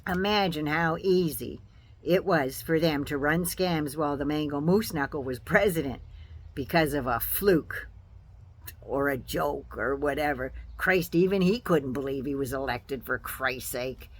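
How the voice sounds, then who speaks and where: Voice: mid-range voice, measured pace. An American host giving casual political commentary in a folksy, sardonic, salty-tongued manner.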